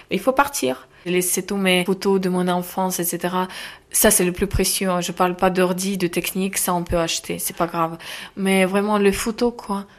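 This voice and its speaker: A woman in her twenties from Ukraine, speaking French with a Ukrainian accent, recounting her story earnestly with halting restarts. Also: on the low side. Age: 20s. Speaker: interviewee. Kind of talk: casual testimony.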